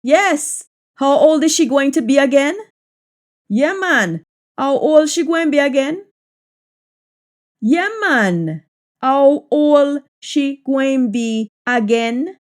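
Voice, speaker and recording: Female language teacher, Jamaican Patois, slightly high voice, very unhurried, repeats example sentences deliberately. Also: expressive. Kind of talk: Jamaican Patois lesson, practice sentences said in English then repeated in Patois.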